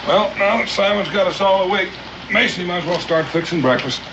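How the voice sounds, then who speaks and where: An actor playing a steady, principled frontiersman in a 1960s TV western, with a plain-spoken, folksy cowboy manner. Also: high-pitched, fairly quick. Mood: matter-of-fact. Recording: muffled, noisy old TV soundtrack.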